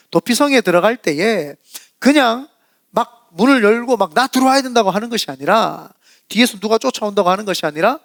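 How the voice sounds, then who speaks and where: Korean pastor guy preaching, kinda high voice with gravel in it, acts out the prayers he quotes. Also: dry recording, clean studio sound. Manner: lively storytelling, acts out quoted prayers and dialogue. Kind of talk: sermon. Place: church sanctuary.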